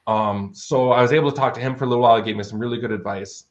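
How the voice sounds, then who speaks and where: A man with a mid-range voice talks rapid-fire as an interview guest; he's an author and audio drama producer. He tells anecdotes in a casual, conversational way, and the audio is dull and lo-fi.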